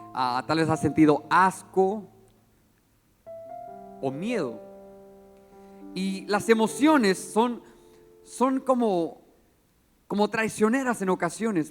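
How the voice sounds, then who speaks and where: High-voiced man preaching in a reverberant hall. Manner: lively, asks the audience questions and reads scripture aloud. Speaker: youth preacher. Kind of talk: sermon.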